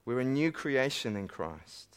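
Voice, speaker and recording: An Englishman preaching to a conference crowd in a plain, mid-pitched voice. He speaks earnestly and piles up emphatic phrases toward each peak, then drops into quieter, heartfelt lines. Now and then he slips in a wry aside about himself. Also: sing-song, measured pace, smooth. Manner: earnest, building to emphatic climaxes with self-deprecating asides. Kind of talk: sermon. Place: conference meeting hall.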